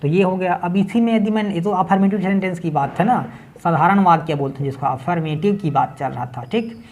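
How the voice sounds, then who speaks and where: A man's voice: sits high, brisk, darkish tone, slight background noise. Male teacher, Chhattisgarh accent, classroom grammar lesson, step-by-step explaining, keeps checking in. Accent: Chhattisgarh Hindi. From Chhattisgarh, India. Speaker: English teacher.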